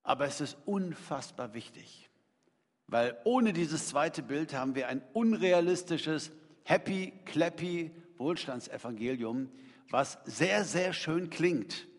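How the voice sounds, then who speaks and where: A middle-aged man preaches in a church hall, his fairly high voice trailing off into a long reverb. He talks to the congregation conversationally but with emphasis, and he keeps asking them rhetorical questions. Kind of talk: sermon.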